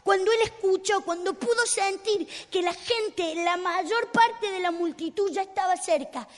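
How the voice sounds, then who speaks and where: A woman's voice: very high voice, unhurried. A woman preacher with an Argentine accent telling a Bible story dramatically in a sermon, in a church hall. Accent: Argentine Spanish. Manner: dramatic, builds to emphatic peaks. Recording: long hall reverb.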